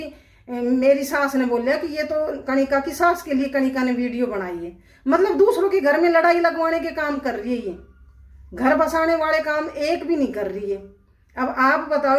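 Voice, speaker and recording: A woman vlogger with a high-pitched voice comments on a family dispute, indignant and casual, addressing her viewers directly with rhetorical questions. The room sounds echoey.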